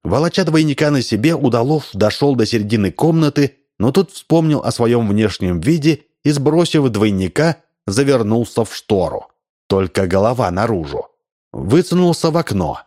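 A man reading a humorous story aloud as narrator, with lively, expressive delivery. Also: mid-range voice. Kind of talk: audiobook reading.

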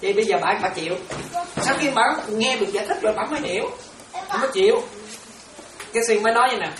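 A woman's voice: mid-range voice, quick pace, background noise. A woman, a Buddhist nun, giving an informal, chatty dharma talk, laughing often and calling her listeners her children. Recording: roomy, from far off, crowd around.

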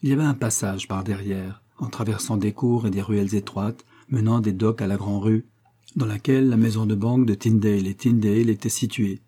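A man reading a classic story aloud as audiobook narration, in a steady storytelling manner. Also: lowish voice, a little fast, breathy edge. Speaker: audiobook reader.

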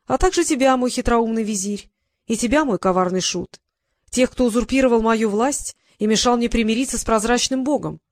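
A woman reading an audiobook, voicing a soft-spoken, gently cunning sultan in a mild, kindly manner. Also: on the high side, brisk, no echo, close to an everyday voice. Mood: scheming calm.

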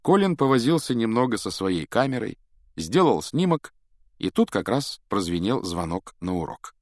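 Low-voiced man narrating an audiobook. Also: dry recording, clean studio sound. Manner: measured, expressive storytelling. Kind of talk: scripted narration.

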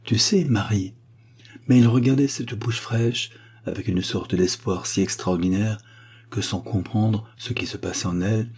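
A man reads literary fiction aloud at a measured, expressive pace. His voice is low and dark, with a husky, breathy texture. He sounds like an audiobook narrator carrying a quiet story.

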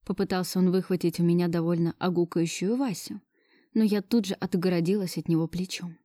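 A woman's voice: fairly low pitch, steady tone, brisk, mellow, no room sound, clean studio sound. A woman narrating a romance novel in the first person, with dramatic, emotional storytelling. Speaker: audiobook narrator.

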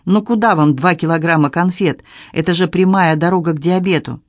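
A man's voice: fairly high pitch, brisk, no echo, close to an everyday voice. A man reading an audiobook, voicing a blunt, sarcastic young woman with a mocking, cutting manner. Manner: mocking, cutting, coldly matter-of-fact.

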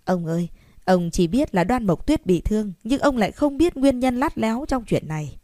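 A woman's voice: fairly high pitch, expressive, moderate pace, dark tone, dry recording, clean studio sound, close to an everyday voice. A woman voicing a cheerful young man who coaxes and pleads with an old grandfather. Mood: coaxing. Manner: coaxing, pleading. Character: cheerful, smooth-talking young man placating elders.

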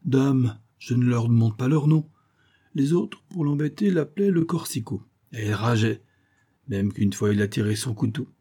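A man's voice: mid-range voice, expressive, moderate pace, warm tone, slightly rough. A man reading aloud as a talkative Paris wine-shop keeper in a storybook. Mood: gossipy. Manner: gossipy, talkative. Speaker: audiobook reader.

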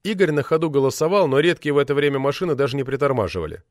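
Expressive male audiobook narrator. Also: medium pitch, dry recording, clean studio sound. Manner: measured, expressive reading.

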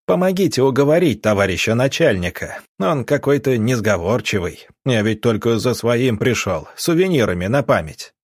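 A man voicing a cold, mocking male swindler who taunts his captors in a husky voice. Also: mid-range voice, expressive, moderate pace, hardly any pauses, no room sound, studio quality, close to an everyday voice. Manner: sneering, taunting.

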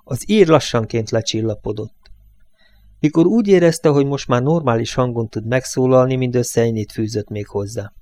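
A man reading a novel aloud as an audiobook narrator, with steady, measured storytelling. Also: mid-range voice, no echo. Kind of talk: scripted literary narration.

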